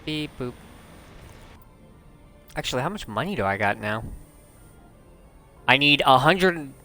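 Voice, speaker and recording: A man streaming a game live, chatting casually with slow, rambling commentary full of restarts and swearing. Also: mid-range voice, animated, bright, forceful tone, faint music behind.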